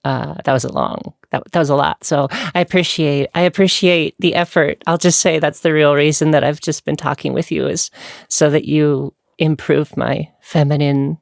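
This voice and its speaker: A woman's voice: low voice, steady tone, moderate pace, gravelly, no room sound, studio quality. A woman hosting her channel, chatting candidly and rambling with frequent giggles. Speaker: YouTuber host. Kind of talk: casual chat.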